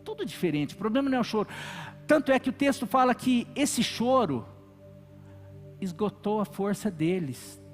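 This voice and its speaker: A man's voice: high-pitched, very animated, moderate pace, faint music behind. A male pastor preaching a sermon emphatically, acting out quoted voices.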